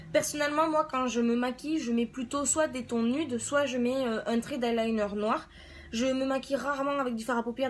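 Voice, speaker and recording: A woman talks casually through a beauty review. She is conversational and a little hesitant, thinking out loud as she goes. There is faint noise behind her. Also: a little high. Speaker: beauty vlogger reviewing products. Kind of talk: casual spoken product review.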